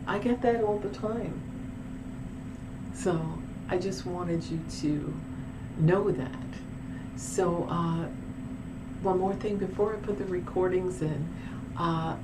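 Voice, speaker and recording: A woman's voice: on the low side, background noise. A woman telling a paranormal story in a casual, rambling vlog with many restarts and asides. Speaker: paranormal vlogger.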